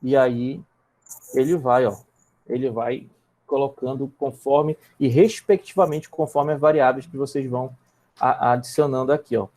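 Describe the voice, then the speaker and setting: A Brazilian man with a mid-range, slightly mellow voice teaches a live online coding class at a moderate pace, and the audio quality is poor. He goes through things step by step, checks in with his students often, and repeats or restarts words while he types.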